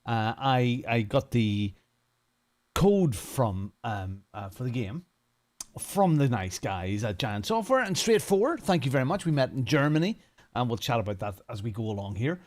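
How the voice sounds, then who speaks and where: A Northern Irish man in his fifties, a sim racing streamer and community head, gives unscripted first impressions of a racing game. His medium-pitched, darkish voice is sing-song and moves at a moderate pace, and his manner is chatty and informal.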